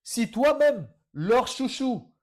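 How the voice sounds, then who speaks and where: A man's voice: extremely high pitch, big pitch swings, takes it slowly. A man commenting on video clips in a mocking tone, speaking straight to his viewers. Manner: mocking, addresses viewers as brothers. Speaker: political commentator.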